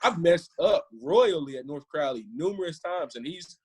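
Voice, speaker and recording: A man's voice: on the high side, lively intonation, moderate pace, darkish tone, breathy edge. Easygoing man telling coaching stories. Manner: easygoing storyteller. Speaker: head football coach, podcast guest. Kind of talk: casual interview chat.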